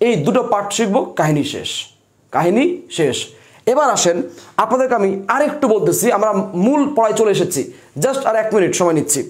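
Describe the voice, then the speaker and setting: A man's voice: high-pitched, big pitch swings, fairly quick. A man teaching grammar for exams, repeating instructions and answering his own questions. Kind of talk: exam-prep lesson.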